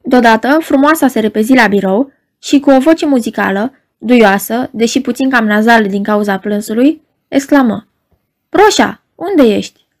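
Woman narrating an audiobook. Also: fairly high pitch.

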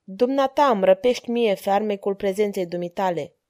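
A woman's voice: medium pitch, darkish tone, close to an everyday voice. A woman voicing a stubborn, earnest young king who pleads and gives firm orders in an audiobook reading.

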